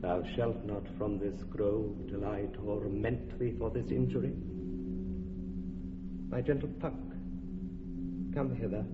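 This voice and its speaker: A man's voice: fairly low pitch, fairly even intonation, slow pace, long pauses, very noisy. A man voicing Oberon, a jealous and commanding fairy king, with stern declamation. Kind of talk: radio drama acting. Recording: echoey, dull lo-fi radio with long reverb, music.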